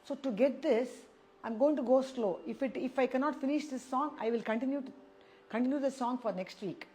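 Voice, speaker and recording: Casting: woman, South Indian accent, slightly high voice, singing teacher giving a step-by-step lesson with repeated demonstrations. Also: fairly quick, warm tone. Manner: explains step by step, repeating syllables and phrases to demonstrate. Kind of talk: spoken music lesson with sung syllable demonstrations.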